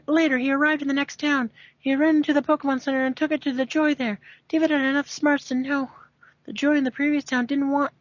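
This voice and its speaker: This high-voiced woman stumbles, amused, through an amateur fanfiction read-aloud, mixing dramatic reading with offhand asides. The home recording is dry and muffled.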